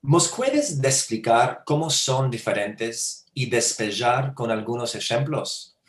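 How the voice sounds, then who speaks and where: A man hosting an interview, gently asking his guest questions, heard in an echoey room. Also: medium pitch, animated, slow. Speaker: host.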